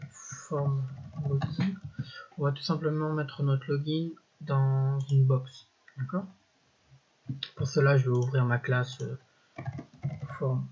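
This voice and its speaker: Husky-voiced man walking through code. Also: mid-range voice, darkish tone. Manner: thinks aloud, peppered with "voilà" and "hop"; self-correcting, halting phrasing. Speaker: coding tutorial instructor. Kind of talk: casual screen-recorded coding walkthrough. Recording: dull lo-fi voice-over recording.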